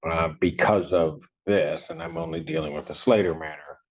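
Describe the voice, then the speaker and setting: A man presiding as judge in a courtroom recording, speaking formally and haltingly with frequent pauses and filler sounds. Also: low-pitched, big pitch swings, gravelly, crowd noise. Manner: measured, halting, many ums. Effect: courtroom audio recording. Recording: muffled courtroom recording, faint hiss.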